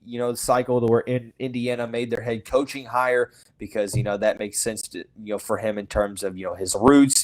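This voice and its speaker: A medium-pitched man hosts a sports podcast in a casual monologue, frank and opinionated, saying he calls it as he sees it. He leans on "you know" fillers and restarts, has the hiccups, and the audio quality is poor.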